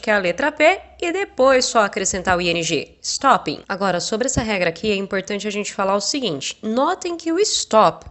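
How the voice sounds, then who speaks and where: A woman's voice: fairly high pitch, bright, forceful tone. A woman explaining grammar rules in a casual, playful way, spelling out letters and repeating memory tricks. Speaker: English teacher.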